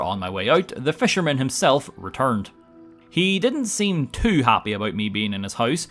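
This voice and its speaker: A man's voice: medium pitch, fairly bright tone. A man narrating gameplay from a script in a wry, casual, tongue-in-cheek manner. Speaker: gaming video narrator.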